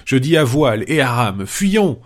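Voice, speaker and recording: A man's voice: medium pitch, very animated, moderate pace, voice pushed up, natural voice. A man voicing a panicking, cowardly male companion at sea, frantic and pleading in a dramatic reading. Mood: panicked.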